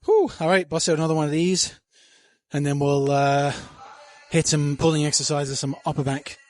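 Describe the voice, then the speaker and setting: Speaking at a moderate pace in a voice on the high side, a man narrates his gym workout for his vlog. He coaches and rambles casually into a handheld mic and breathes hard between sets. There's no echo.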